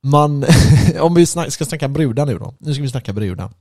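A man's voice: fairly high pitch, lively intonation, mellow, no room sound, clean studio sound. A young man co-hosting a casual podcast in a blunt, joking, laid-back way. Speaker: podcast co-host. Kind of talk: casual chat.

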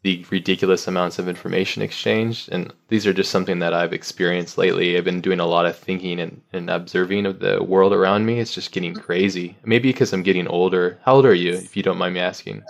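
Gravelly low-voiced host in his thirties. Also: steady tone, fast talker, hardly any pauses. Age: 30s. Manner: rambling and philosophical. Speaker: podcast host. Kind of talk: casual conversation. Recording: roomy with faint ambient noise.

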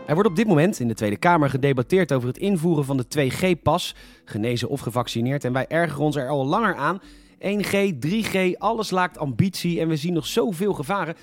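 A man hosting a scripted satirical news show, delivering sarcastic, mock-indignant commentary that sometimes bursts into shouting. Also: on the high side, lively intonation, fairly quick, faint music behind.

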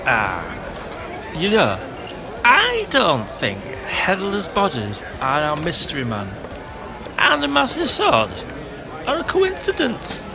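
An actor playing a weary starship captain with a dry, understated, hesitant manner in a comic sci-fi audio drama. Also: male voice, high voice, huge pitch swings, slow pace, gravelly, long pauses, over music, crowd noise, full character voice. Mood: wry, pondering.

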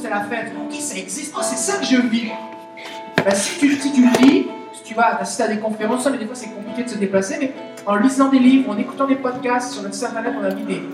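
A woman's voice: on the high side, distant mic. Québécois woman preaching in an echoey hall. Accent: Québécois French. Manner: chatty, animated, asks the audience questions. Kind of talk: conversational sermon. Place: church meeting hall. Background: soft guitar music.

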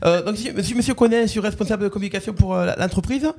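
A radio host doing a prank call, voicing a bumbling corporate communications manager who stammers and repeats himself. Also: male voice, high voice, quick pace, darkish tone. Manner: stammering, hesitant, repeats words.

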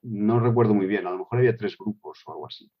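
A middle-aged man who grew up in Switzerland, with Spanish and German as his first languages, answers interview questions in a low voice and at a fast clip. He speaks casually, hesitating with lots of fillers and restarts. The recording is dull and lo-fi.

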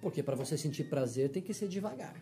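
A man's voice: on the high side, animated, quick pace, music in the background. A man in a casual chat who explains his ideas eagerly, repeating points for emphasis. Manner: explains ideas with enthusiasm and repetition.

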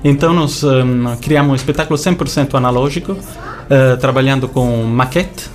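A man's voice: mid-range voice, moderate pace, darkish tone, soft background music. A man from Italy speaking as an interview guest in non-native speech, with an Italian accent touched by Brazilian, explaining his work. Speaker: interview guest, visual show creator.

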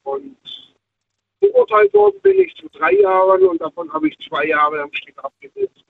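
A man's voice: very high-pitched, huge pitch swings, normal speed, gravelly, dry recording. A man calling in from the hands-free speakerphone in his truck cab, talking casually and hesitantly with many fillers over a dropping phone line. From Heidelberg area, Germany. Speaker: caller. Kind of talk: casual call-in chat. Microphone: hands-free car kit. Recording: tinny, dropping phone line with faint noise.

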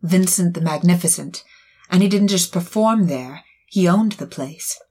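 A lowish, husky voice, a woman playing a glamorous femme fatale in a noir radio play. She talks in a cool, measured way. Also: warm tone. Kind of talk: noir radio drama acting.

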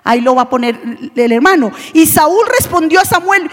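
High-pitched lady preaching hard in a big echoey church hall, loud then low. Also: lively intonation, normal speed. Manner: impassioned, swings from shouting to low intense asides. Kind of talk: sermon. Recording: long reverb of a large hall.

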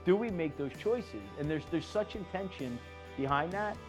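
A man's voice: on the high side, animated, moderate pace, music in the background. Earnest middle-aged man giving a testimony. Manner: earnest, conversational, repeats himself for emphasis. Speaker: speaker at a men's group. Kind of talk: personal testimony talk.

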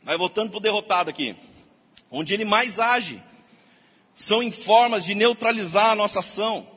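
High, bright-voiced pastor preaching. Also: male voice, normal speed, slightly rough. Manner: lively preaching with acted-out quotes. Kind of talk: sermon. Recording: long hall reverb.

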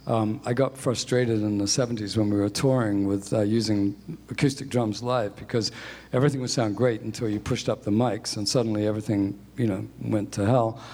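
Man in his 60s, interview guest, slightly low voice, rambling friendly chat, echoey hall sound. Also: steady tone, brisk, darkish tone. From born in England, grew up in New Zealand. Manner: chatty, self-deprecating, laughs often. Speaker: guest, music industry executive. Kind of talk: conversational interview.

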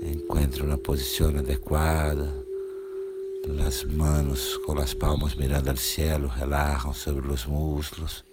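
A man leading a guided meditation in soothing, gentle, repeated instructions, pausing between short phrases. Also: a bass voice, little pitch movement. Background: music with singing bowl tones.

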